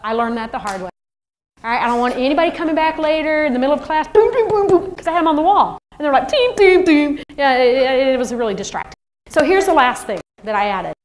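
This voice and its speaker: A lively woman presents to a room of teachers, her voice sitting a little high. She talks with animated energy and often slips into quick impressions of children. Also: slight background noise. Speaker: teacher trainer. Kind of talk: workshop presentation.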